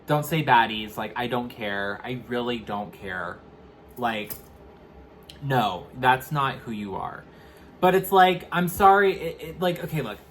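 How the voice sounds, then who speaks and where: A man in a casual review chat, his voice sitting at an ordinary middle pitch. He talks in a halting, candid way and keeps circling back to restart a thought. A faint hiss of room noise sits under him. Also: animated. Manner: hesitant, restarts often, candid and opinionated. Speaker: co-host music reviewer.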